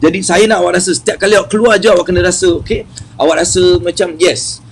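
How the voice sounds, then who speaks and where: Guy giving a motivational talk, kinda high voice, lively, says stuff over and over. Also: racing, gravelly, a little hiss or hum, low-quality recording. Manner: lively, chatty, repeats phrases for emphasis. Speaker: motivational speaker on wealth.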